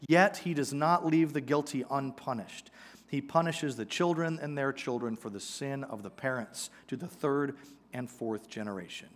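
A man in his forties, a pastor giving a conversational, animated sermon on a church stage with a headset mic. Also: mid-range voice, normal speed. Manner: conversational, animated preaching with gestures. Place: church sanctuary stage, indoors.

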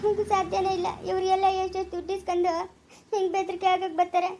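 A woman's voice: very high voice, monotone, fast talker, warm tone, a little hiss or hum. A woman acting as a frightened young village daughter who pleads tearfully in a family skit.

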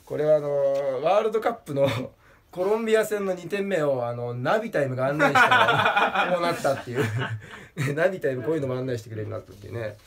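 A man casually presenting joke pictures, laughing at his own gags and jumping into a strained high voice for punchlines. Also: fast. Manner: laughs at his own jokes, lively pitch swings. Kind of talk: casual comedic talk with laughter.

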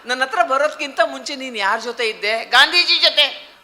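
A male ventriloquist plays straight man in a stage comedy show, quizzing and teasing his puppet. His voice sits high and rings very bright. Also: brisk.

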